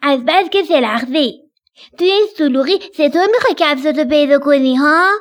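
A woman's voice: sits high, close to an everyday voice. A woman voicing a tidy young storybook friend who teases and chides. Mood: scolding.

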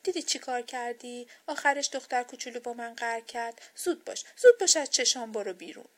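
A woman's voice: a little high, lightly acted. A woman voicing a naive, childlike toy doll in a children's storybook, eager and girlish. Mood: annoyed. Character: big toy doll, naive, drowsy then cross.

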